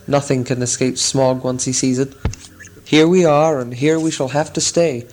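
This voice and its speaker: Proud dwarf leader in a storybook, dignified, firm, commanding, voiced by a man, medium pitch. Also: fairly even intonation, moderate pace, darkish tone, a little hiss or hum, natural voice.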